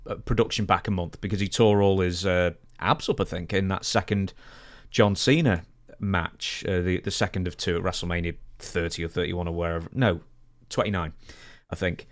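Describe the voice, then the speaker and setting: A young-adult podcast co-host talks wrestling in a relaxed way from a small home studio. He sits low in pitch with a steady tone at normal speed, and the dry recording comes from a broadcast mic on a boom arm held close.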